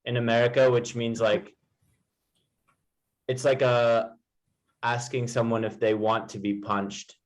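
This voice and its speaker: Informal male English tutor, mid-pitched voice. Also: little pitch movement, a little slow, pauses often. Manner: explanatory, informal, gives examples. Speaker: English teacher. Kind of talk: conversational one-to-one tutoring.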